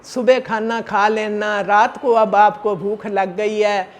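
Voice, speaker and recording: An impatient grown son in a spoken parable, voiced by a man, irritable and quick to complain. His voice stays high and fairly flat. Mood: irritated.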